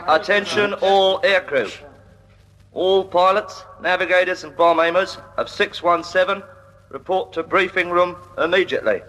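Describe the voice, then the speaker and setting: Crisp official tannoy announcer on an airbase, high voice, long echoey reverb from the speaker. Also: male voice, normal speed. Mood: formal. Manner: crisp, repetitive official call. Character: male airbase tannoy announcer, brisk and formal. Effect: loudspeaker tannoy announcement. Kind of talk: 1940s radio acting.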